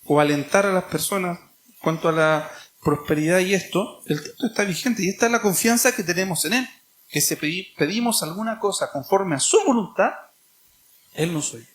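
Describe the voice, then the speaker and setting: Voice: medium pitch, moderate pace. A preacher with a Chilean accent giving an emphatic sermon, repeating key phrases and asking rhetorical questions. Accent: Chilean Spanish.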